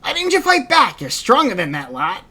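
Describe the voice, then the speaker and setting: A woman voicing a small, fierce old grandmother who scolds in a rough country drawl, over faint music. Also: on the high side, huge pitch swings, moderate pace, pushed and bright, voice pushed up, exaggerated voice. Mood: stern.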